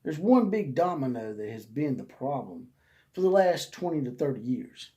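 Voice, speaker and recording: On his own sports channel, a man rants casually in a folksy, preacher-like style, stretching out words for emphasis. His voice is medium-pitched and dark, swinging widely in pitch at a moderate pace.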